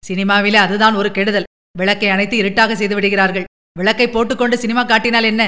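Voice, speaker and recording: Woman doing a loud, blunt village farmer. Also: medium pitch, level tone, fast talker, close to an everyday voice. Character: plain-spoken adult male village farmer.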